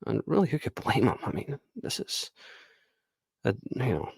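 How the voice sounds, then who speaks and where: A man's voice: medium pitch, sing-song, normal speed, vocal fry, darkish tone, slightly rough, no room sound. A man giving blunt, casual commentary on a reality show, swearing and laughing now and then.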